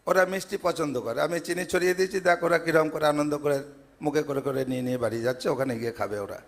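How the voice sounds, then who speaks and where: A man voicing a gentle old male hermit within a sermon, speaking softly and fondly as he explains simply. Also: a little high, fast talker, in a large hall, voice pushed down.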